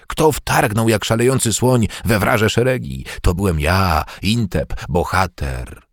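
A man's voice: on the low side, vocal fry, dry recording, clean studio sound, heavily acted. A man reading an audiobook, voicing a bitter, toothless, one-armed old war veteran who speaks with scorn. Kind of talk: audiobook character voice.

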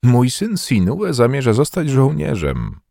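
A man's voice: mid-range voice, very animated, a little slow, gravelly, mellow, dry recording, studio quality, voice pushed up. A man reading an audiobook, voicing a jovial, proud middle-aged father in a raised voice. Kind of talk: audiobook character voice.

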